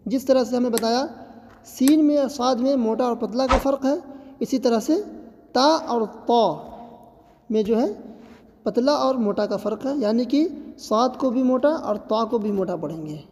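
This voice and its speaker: A woman's voice: a little high, a little mellow, long reverb tail. A woman teaching a tajweed lesson, explaining patiently and reassuringly, and drawing out each letter sound as she demonstrates it. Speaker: Quran recitation teacher.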